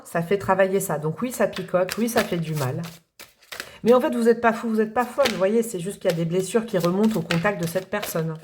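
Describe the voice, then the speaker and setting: A woman's voice: fairly low pitch, darkish tone, slight background noise. A woman giving a casual tarot reading, talking straight to her viewers and thinking aloud as she goes. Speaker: tarot reader.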